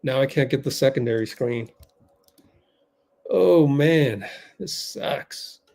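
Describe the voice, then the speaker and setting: A man's voice: mid-range voice, slow pace, gravelly, darkish tone. A man hosting a fan livestream, doing play-by-play while he rambles through technical problems. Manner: flustered, rambling, many fillers, talks to himself while fixing tech.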